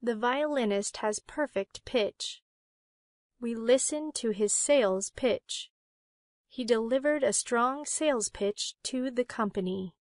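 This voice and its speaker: A woman reading vocabulary words and example sentences slowly and plainly. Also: a little high, no echo, studio quality. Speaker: vocabulary lesson reader. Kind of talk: slow read example sentences.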